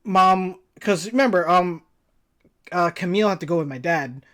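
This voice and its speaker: A man's voice: sits high, normal speed, a bit bright. A young man hosting a casual interview stream, rambling through stories with many fillers and giggles.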